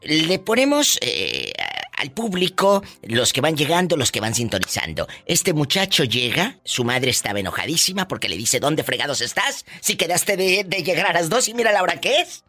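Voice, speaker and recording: A man's voice: fairly high pitch, big pitch swings, normal speed, sharp tone. A man with a Mexican accent hosting a radio talk show, teasing guests with camp, theatrical exclamations.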